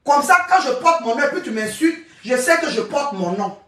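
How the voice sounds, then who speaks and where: A woman's voice: high voice, sing-song, moderate pace, a bit bright, recorded from a distance. A woman coach ranting angrily on a live stream, scolding with many repeats and stammered restarts, away from the mic in an echoey room. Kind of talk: angry live-stream rant.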